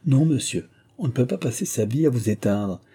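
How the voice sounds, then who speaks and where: A man reading aloud as a lively, teasing young Russian princess, in a raised playful voice. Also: medium pitch, breathy edge, voice pushed up. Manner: playful, chattering, quick retorts.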